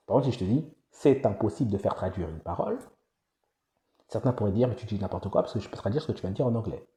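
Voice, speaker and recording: A man's voice: lowish voice, lively intonation, fast talker, dark tone, roomy sound. A man giving a casual, rambling monologue to the viewer for an online course, often repeating himself and restarting phrases.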